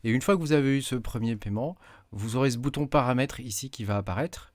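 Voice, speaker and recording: A man's voice: medium pitch, fast talker, dry recording, clean studio sound. A man giving a casual screen-recorded tutorial, hesitant with many fillers as he clicks through menus at his desk mic. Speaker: tech YouTuber.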